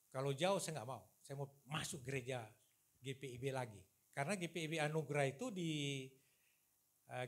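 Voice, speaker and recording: A man in his sixties, a pastor, telling his own story in a lively sermon to his congregation. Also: sits high. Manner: storytelling, animated, addresses congregation as "saudara". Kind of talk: sermon with personal testimony. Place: church service.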